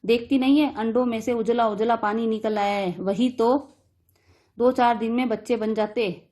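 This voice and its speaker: A woman's voice: a little high, fairly even intonation, moderate pace, darkish tone, close to an everyday voice. A woman voicing a defensive young boy in a read-aloud story, in close to her own voice. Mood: upset. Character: boy, older brother, defensive and guilty.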